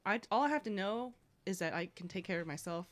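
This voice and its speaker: A woman's voice: medium pitch, lively intonation, fast. A young woman co-hosting a podcast, talking in a reflective, hesitant way full of fillers. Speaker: podcast co-host. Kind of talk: candid podcast chat.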